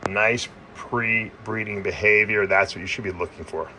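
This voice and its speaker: A man's voice: lowish voice, steady tone, moderate pace, pushed and bright, a little hiss or hum, rough recording. A man giving a casual, informal explainer as host of a reptile breeding vlog, talking directly to his viewers. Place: indoor snake breeding facility.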